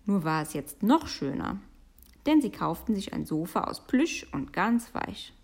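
A woman reads a children's picture book aloud. Her voice sits mid-high and rises and falls in a lively, sing-song way as she tells the story. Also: measured pace, vocal fry, slightly rough. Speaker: storybook reader.

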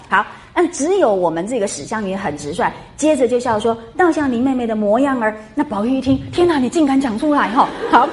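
A woman lecturing a class on a classic novel, chatty and animated, full of rhetorical questions. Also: on the high side, slight background noise. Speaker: literature lecturer. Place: classroom with students.

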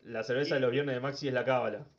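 A man's voice: medium pitch, fairly even intonation, fast, dull audio, a little hiss or hum. A Uruguayan man hosting a casual sports talk podcast, rambling and often repeating words as he thinks. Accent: Uruguayan Spanish. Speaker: podcast host.

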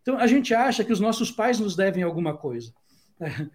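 A man's voice: sits high, very animated, brisk, a little mellow. A Brazilian man in his forties with a Brazilian Portuguese accent, giving a conversational, reflective talk and often ending his points with a questioning tag. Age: 40s. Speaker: speaker sharing opinions.

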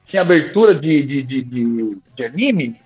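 A young man, a singing teacher, telling animated, slangy stories in a podcast interview and acting out his own old lines. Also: medium pitch, moderate pace, husky. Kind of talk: casual storytelling in a podcast interview. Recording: tinny phone-like sound with faint music.

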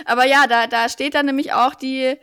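A woman's voice: sits high, fairly even intonation, moderate pace, sharp tone, clean tone, no room sound, clean studio sound. A woman from Franconia co-hosting a podcast, telling a story casually with light laughs. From Franconia, Germany. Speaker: podcast co-host.

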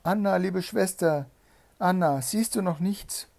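A man's voice: a little high, animated, normal speed, creaky, warm tone, husky, exaggerated voice. A man reading a fairy tale aloud and voicing a frightened young wife who pleads urgently in a raised voice. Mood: pleading.

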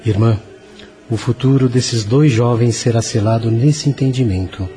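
A man playing a wise, serene spirit guide in a radio drama. He explains solemnly and evenly in a medium-pitched voice, with music clearly underneath. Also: warm tone, natural voice. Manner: measured, didactic.

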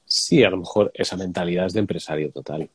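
Spanish male host, low and husky, laid-back talk, dry close mic. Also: fast talker, no echo. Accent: Spanish from Spain. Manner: relaxed, conversational, drops in mild swearing. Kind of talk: casual interview.

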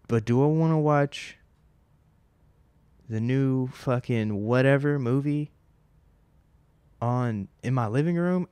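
Talking alone on his podcast, a twenty-something man delivers a casual, meandering monologue heavy on "like" and offhand cursing. The recording has no room sound, and his mid-range voice is smooth and slightly mellow.

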